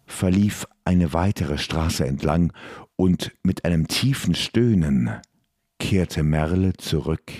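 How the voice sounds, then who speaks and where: A man narrating a fantasy audiobook in a measured, dramatic way. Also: extremely low pitch, darkish tone, husky, no echo, studio quality.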